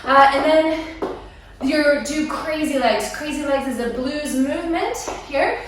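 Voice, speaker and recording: A woman teaching a dance routine step by step, playful and counting the beats out loud. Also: high-pitched, takes it slowly, a little hiss or hum. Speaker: dance instructor. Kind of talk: dance lesson walkthrough. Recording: echoey room, mic far off.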